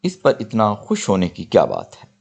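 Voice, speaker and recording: An older man teaching English grammar, saying example sentences slowly and deliberately. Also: lowish voice, wildly swooping pitch, vocal fry, a little mellow, slightly rough. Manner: slow deliberate model sentences, explanatory. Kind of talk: spoken grammar lesson.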